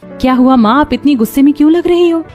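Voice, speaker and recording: All the female characters in a Hindi cartoon story, including the mother-in-law, daughter-in-law and neighbors, are voiced by one woman. She talks fast in a high, darkish voice, and faint music plays underneath.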